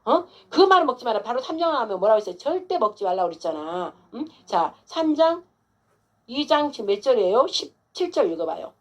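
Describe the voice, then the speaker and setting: A woman's voice: a little high, big pitch swings, a little fast, muffled recording. A woman pastor giving an informal, emphatic sermon to a congregant, coaxing with frequent rhetorical questions.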